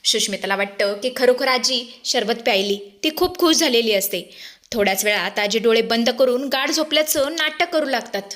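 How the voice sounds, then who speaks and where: A woman narrating a dramatic TV serial recap in an expressive way, addressing the audience directly. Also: a little high.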